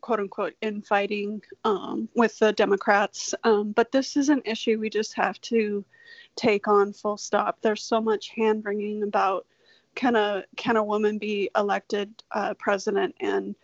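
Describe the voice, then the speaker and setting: A woman's voice: mid-range voice, little pitch movement, unhurried, dry recording. A woman who founded an activist group, giving casual panel commentary, her voice sounding like an old AM radio broadcast. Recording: muffled lo-fi remote call audio.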